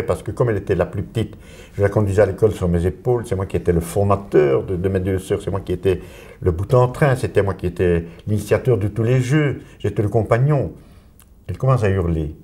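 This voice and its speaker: An elderly man with a Belgian French accent gives his testimony as a survivor, telling it vividly to young listeners. His voice sits low and sounds dark and mellow. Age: 80s. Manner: vivid storytelling, acting out quoted voices. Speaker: Holocaust survivor witness.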